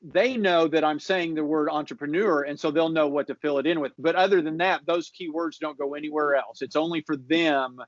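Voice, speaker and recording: A man's voice: on the high side, brisk, hardly any pauses, no room sound. Man as podcast marketing guest, easygoing explanations, dry lo-fi recording. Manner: relaxed, explanatory, restarts often. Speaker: social media marketing guest. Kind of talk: casual advice chat. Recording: dull lo-fi audio.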